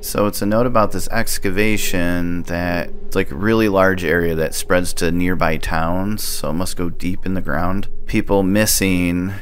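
A man's voice: deep voice, fairly even intonation, moderate pace, hardly any pauses, a little hiss or hum. A man giving casual let's play commentary, thinking aloud in short, muttered fragments.

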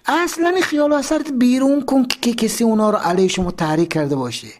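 A man's voice: extremely high pitch, pitched above the performer's own voice. A man voicing a kind, matter-of-fact male prison duty officer who explains things in a plain, reassuring way, inside a spoken memoir.

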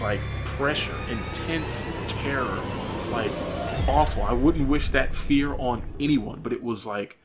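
A young man telling a story casually to camera in an expressive, slangy way, acting out reactions. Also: medium pitch. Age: young adult. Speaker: vlogger. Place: small furnished room with couch, indoors. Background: music.

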